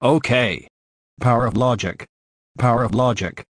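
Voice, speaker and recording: A man's voice: mid-range voice, moderate pace, husky, no echo, studio quality, natural voice. A man voicing a delinquent cartoon car, a scheming troublemaker who stiffly narrates his own plans. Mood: determined. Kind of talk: scripted cartoon monologue.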